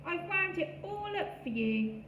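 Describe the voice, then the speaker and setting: Woman plays a small, helpful squirrel boy, high-pitched, for a storybook. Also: big pitch swings, measured pace, roomy sound, phone-quality sound, slight background noise, full character voice. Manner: helpful, cheery. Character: small eager male squirrel helper.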